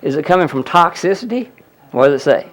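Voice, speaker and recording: "Look at that," a man says again and again while walking an audience through a live demonstration at his healing seminar. His fairly high voice is animated and brisk as he explains what's happening.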